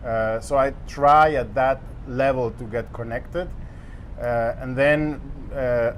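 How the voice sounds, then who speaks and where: A middle-aged man from Latin America speaks at an ordinary mid pitch in a relaxed interview. He muses with plenty of fillers and small restarts. Faint city and traffic noise sits behind him. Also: slow. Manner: relaxed, thoughtful, with frequent fillers. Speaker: interviewed alumnus, businessman. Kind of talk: casual interview answers. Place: apartment over city rooftops.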